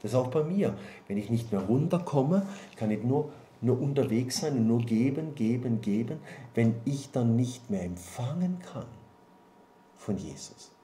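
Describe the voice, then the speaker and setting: A pastor preaches to his congregation in a lively, searching way, often repeating himself and asking if they follow. His voice is mellow and middle-pitched. The recording sounds echoey, with faint noise behind him. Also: normal speed. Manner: lively, preachy, talks to the congregation, ahem-ing and repeating words. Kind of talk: sermon.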